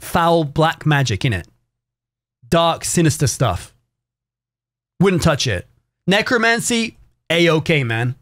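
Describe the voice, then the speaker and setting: Lively, sarcastic male streamer. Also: on the high side, no echo, clean studio sound. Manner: sarcastic, swears often, rambling. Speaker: variety streamer. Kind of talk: casual live-stream chat to viewers.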